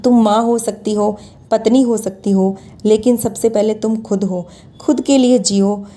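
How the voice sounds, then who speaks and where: Over background music, a motivational speaker in her thirties earnestly urges her audience on. Her mid-range voice is mellow and unhurried, with fairly even intonation.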